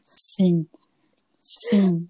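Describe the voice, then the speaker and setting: A woman who is a guest on a podcast, ranting in a lively, profane, casual way. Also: lowish voice, extremely slow, slightly rough. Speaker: guest artist and English teacher.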